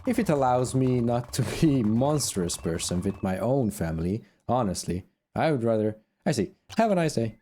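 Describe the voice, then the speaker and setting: A man's voice: medium pitch, very animated, normal speed, hardly any pauses, warm tone, a little hiss or hum, natural voice. A man voicing a secretive, sly male asura researcher in a fantasy game, chatting in a conspiratorial way.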